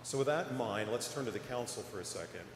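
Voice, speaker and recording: A man's voice: mid-range voice, animated. Echoing church sermon from a man. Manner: conversational, hesitant, pausing often. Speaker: preacher giving a parish sermon. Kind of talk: informal explanatory sermon. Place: large echoing church interior. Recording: echoey reverberant church, noticeable background noise.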